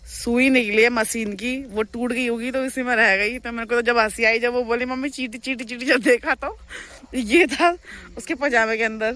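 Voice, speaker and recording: A young woman vlogging from home, telling a family story in a chatty, animated way and laughing often. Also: fairly high pitch, normal speed. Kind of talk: casual storytelling vlog. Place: at home, near farm animals.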